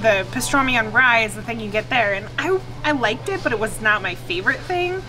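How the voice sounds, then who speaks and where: A woman in her thirties talks to camera as a food vlogger, her slightly high voice animated and fairly quick, recorded close in a small restaurant booth. The low-quality recording carries background music under her chatty, enthusiastic, filler-heavy talk.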